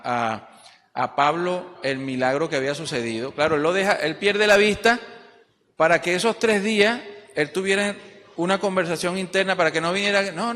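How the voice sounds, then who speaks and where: Male preacher, fairly high voice, animated, acts out quotes, gropes for words; live church sound with long hall reverb. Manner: animated, acting out quoted dialogue; searching for words mid-sentence. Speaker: pastor. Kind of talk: sermon. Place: church service.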